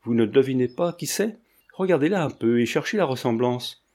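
Cheeky young art student, teasing, playful, lively pitch, man reading, audiobook. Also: a little fast.

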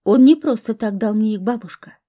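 A woman's voice: fairly high pitch, fairly quick, dark tone, lightly acted. A woman voicing a caring, protective young woman in a storybook reading, speaking earnestly.

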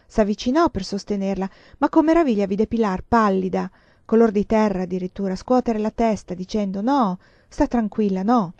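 A woman reading a novel aloud in a measured way, in a dull lo-fi recording. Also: medium pitch, mellow, no echo. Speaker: audiobook reader. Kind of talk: literary audiobook narration.

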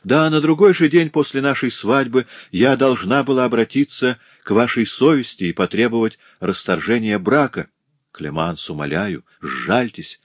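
Man reading a pleading young noblewoman, raised pitch, dry close sound, audiobook. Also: normal speed, dry recording, close to an everyday voice. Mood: earnest, pleading. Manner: earnest and pleading. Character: remorseful devoted young noble wife.

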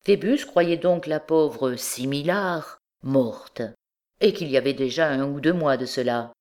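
A woman reading a classic novel aloud as an audiobook, in a measured, even storytelling manner. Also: low voice. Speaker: audiobook reader. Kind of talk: scripted narration of a classic novel.

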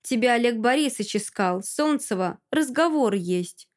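A woman voicing a grinning, threatening male thug with a gruff manner. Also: on the high side, expressive, moderate pace, close to an everyday voice. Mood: menacing. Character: menacing male thug, crooked grin.

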